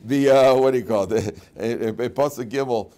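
A man's voice: mid-range voice, normal speed, dark tone. A man, a rabbi giving a weekly Torah class as an informal lecture full of stories, repeating words and laughing at his own tales.

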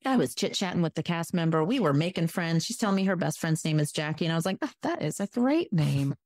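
A woman's voice: deep voice, fast talker, dry recording, clean studio sound. A woman guest on a podcast, telling stories in a casual chat and acting out what people said. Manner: animated, acts out quoted voices.

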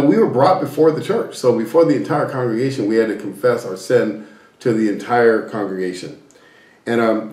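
A man telling his life story as a personal testimony, earnest and animated, filling his talk with "you know" and "um". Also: on the low side. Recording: roomy echo, a bit distant from the mic.

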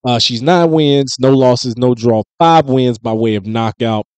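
A man in his thirties hosting a casual sports commentary show, talking in a conversational, animated way with frequent fillers and restarts, into a studio microphone in a small home studio. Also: mid-range voice, a little slow, clear, resonant tone, no echo. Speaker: host. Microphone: studio mic on boom close to mouth.

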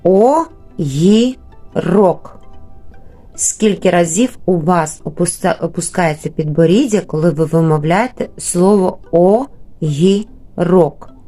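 A woman teaching young children in a remote lesson, patient and slow, stretching out words syllable by syllable, with a Ukrainian accent. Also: lowish voice, dark tone, soft background music. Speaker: primary school teacher.

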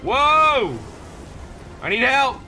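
A man giving casual, loud gameplay commentary, swearing and laughing often as he plays a co-op game. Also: very high-pitched, big pitch swings, very slow, soft background music. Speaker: gamer playing co-op.

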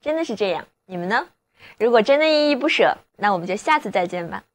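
A woman whose first language is Chinese, presenting a scripted English vocabulary lesson and slowing down to spell words and model example sentences. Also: mid-range voice, animated. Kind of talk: scripted radio-style lesson narration.

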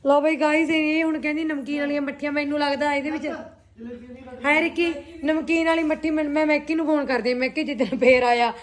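A woman with a Punjabi accent, a vlogger who also owns a boutique, chats casually and familiarly to her viewers and companions alike. Her voice is high-pitched, with a steady tone and a brisk pace.

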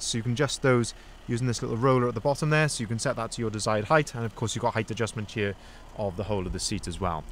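This is a young man with a medium-pitched voice, a van sales manager walking around a vehicle at an outdoor dealership lot. He plays the upbeat salesman, noting features and flaws while filming first-person on a handheld phone, and the audio carries a little hiss or hum.

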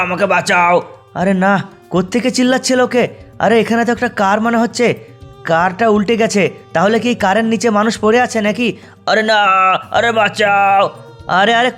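A man voicing an excitable young male townsman fighting monsters in a game video. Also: high-pitched, a little fast, soft background music. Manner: exclaiming, excitable.

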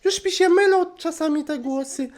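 A man voicing a fussy, complaining teenage schoolgirl in a high, squeaky put-on voice for a game dub. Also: moderate pace, darkish tone. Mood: whiny.

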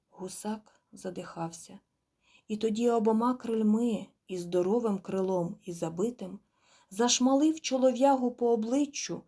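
A woman narrating an audiobook in a measured, quiet, expressive storytelling manner. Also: a little high. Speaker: audiobook reader. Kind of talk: scripted narration.

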